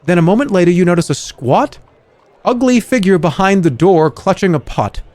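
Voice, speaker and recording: A man's voice: high voice, lively intonation, moderate pace, darkish tone, no room sound. A man reading game narration aloud on a livestream in a playful, theatrical way. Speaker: game streamer.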